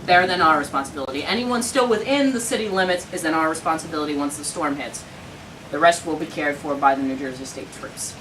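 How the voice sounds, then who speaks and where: An actor playing a stern police lieutenant who gives orders with dry sarcasm. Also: male voice, fairly high pitch, fairly quick, close to an everyday voice. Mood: firm. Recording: distant mic, noisy with rain.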